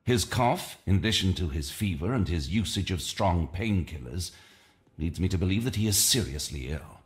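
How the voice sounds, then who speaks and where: A man's voice: deep voice, expressive, moderate pace. A man acting an earnest, formally spoken Victorian English doctor in a video game. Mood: studious. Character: earnest, concerned Victorian gentleman doctor, Holmes's companion.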